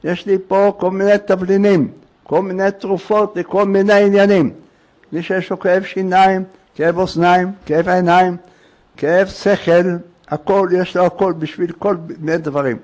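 A man's voice: high voice, steady tone, a little mellow, close to an everyday voice. A man doing a shrewd hawking peddler. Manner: hawking, bargaining. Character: shrewd male peddler, hard-bargaining.

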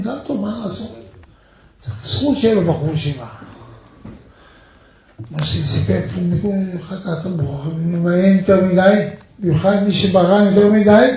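High, gravelly man preaching in an echoey room. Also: slight background noise. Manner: animated storytelling, quotes others aloud. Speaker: religious speaker. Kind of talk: sermon retelling rabbis' stories.

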